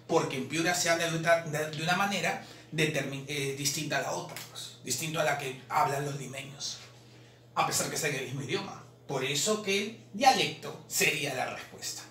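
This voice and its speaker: Brief: man teaching, slow repetitions, bright tone, faint background noise. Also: on the high side. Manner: drawn-out repetition of syllables, explanatory. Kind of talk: exam solution lesson. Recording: roomy, distant mic, faint noise.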